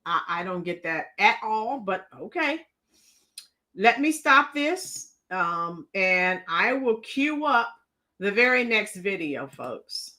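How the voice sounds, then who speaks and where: On her casual livestream, a female host reacts to news and viewer comments, speaking directly and exclaiming with emphasis. Her medium-pitched voice is very animated and sharp in tone, yet she takes things slowly.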